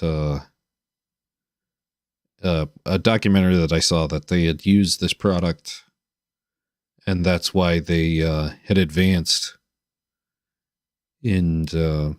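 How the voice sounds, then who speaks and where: A man hosting a casual chat on a video call, halting, with many restarts and fillers. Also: deep voice, dry recording, studio quality. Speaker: host.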